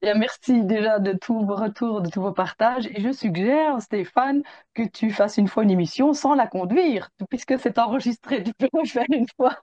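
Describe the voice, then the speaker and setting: Gentle hesitant woman explaining a practice. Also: a little high, moderate pace, no echo, lo-fi sound. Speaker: Jin Shin Jyutsu practitioner. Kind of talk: explaining a relaxation practice on a video call.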